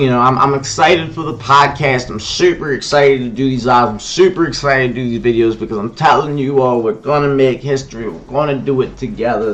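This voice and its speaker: A man with a mid-range voice hosts a solo livestream, speaking in an impassioned, preachy manner and repeatedly tacking on "okay?" to drive his point home. He also shouts at someone off-mic, and the sound is lo-fi.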